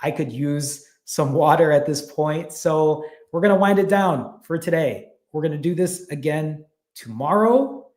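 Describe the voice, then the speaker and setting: A man's voice: a little high, animated, a little slow, a little mellow. A man, casually hosting a live stream, reading viewer comments and thanking people by name, a little out of breath. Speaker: fasting channel host.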